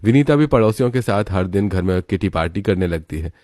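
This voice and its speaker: Brief: male storyteller, lowish voice, dry close recording. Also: animated, brisk, a little mellow, dry recording. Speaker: narrator. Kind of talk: scripted narration.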